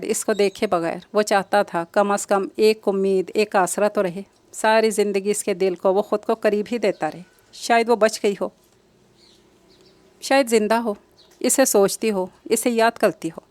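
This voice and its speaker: A woman's voice: mid-range voice, darkish tone, dry recording. A woman reading an emotional novel aloud in scripted audiobook narration, with dramatic, emotive delivery.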